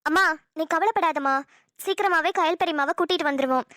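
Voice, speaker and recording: Lady doing a teasing cartoon daughter, bright sharp voice, fast talker. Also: very high voice, no echo, clean studio sound. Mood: gentle. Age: young adult. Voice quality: chirpy and teasing. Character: teasing cheerful young female college student daughter. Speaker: voice actor. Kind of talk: cartoon dialogue acting.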